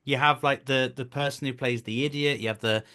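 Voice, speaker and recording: A British man in his thirties, a voice actor and stage performer, chats casually as an interview guest, explaining things and telling stories at length. His medium-pitched voice is smooth and sharp-toned with a steady delivery, a little fast, and he breaks into brief acted quotes.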